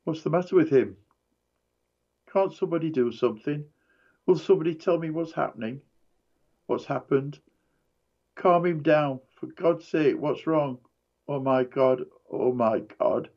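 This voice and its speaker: A man's voice: a little high, measured pace, long pauses, darkish tone, dull audio, voice pushed up. A man voicing a frantic young woman who asks desperate, pleading questions.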